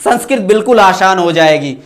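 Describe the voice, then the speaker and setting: Speaking a little fast in a high, expressive voice, a man teaches an online Sanskrit lesson for exam prep. He sounds out the letters one at a time, asks and answers his own questions, and reads viewers' comments aloud to thank them.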